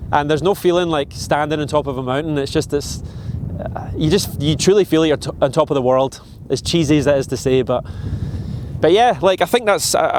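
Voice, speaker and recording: Scottish man, forties, slightly high voice, halting and thoughtful, filming himself outside on a hill. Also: a little mellow, slight background noise. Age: 40s. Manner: halting, reflective, many restarts and fillers. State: shivering in the cold. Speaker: vlogger. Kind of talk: casual talk to camera. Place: outdoors on a mountain.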